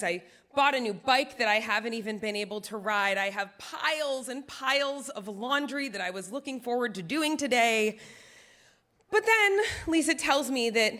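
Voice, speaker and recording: A woman telling a personal story on stage in an animated, self-deprecating, conversational way. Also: fairly high pitch. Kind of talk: live first-person storytelling.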